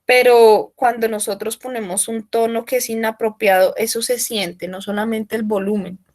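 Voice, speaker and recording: A woman giving an online workshop, explaining loudly and often checking in with her listeners. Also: fairly high pitch, fairly even intonation, moderate pace. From Colombia. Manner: explanatory, asks frequent check-in questions; speaking loudly for remote listeners. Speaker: workshop trainer. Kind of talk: online training talk.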